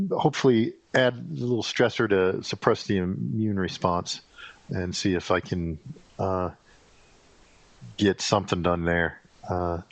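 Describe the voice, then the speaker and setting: A middle-aged man talking in a casual, rambling solo monologue, halting often with fillers and restarts. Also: low-pitched, no echo. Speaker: podcast host rambling solo. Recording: dull, dry lo-fi recording.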